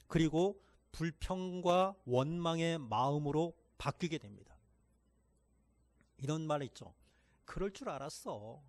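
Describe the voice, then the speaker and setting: A man preaching a sermon as pastor, reading scripture aloud with slow emphasis and leading the congregation in reading together, with quiet asides between passages. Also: on the high side, expressive.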